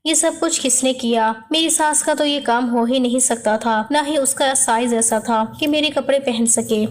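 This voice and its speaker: A woman telling a first-person story in scripted narration, with an even, measured delivery. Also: sits high.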